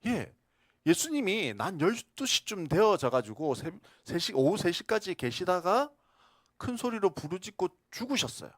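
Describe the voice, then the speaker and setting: A male pastor preaching a sermon, asking the congregation questions and shifting between loud emphasis and soft whispers. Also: high-pitched, moderate pace, no room sound, studio quality. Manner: animated, swings from loud to whispered.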